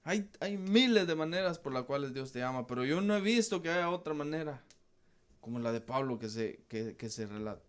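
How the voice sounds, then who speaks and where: A man's voice: on the high side, animated, brisk, clean tone. Radio Bible host, male, emphatic preaching delivery, repeats key phrases.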